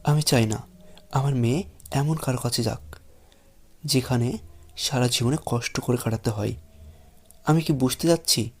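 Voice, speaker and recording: An actor playing a stern, protective wealthy father in a Bengali audio drama, giving a measured, pointed warning. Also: medium pitch.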